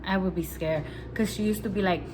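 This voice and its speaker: A young female vlogger with a mid-range voice talks briskly to her camera, telling a rambling, spooked story and nervously dropping "like" into almost every sentence. It's a rough home video, with faint music and the steady noise of a building being washed outside.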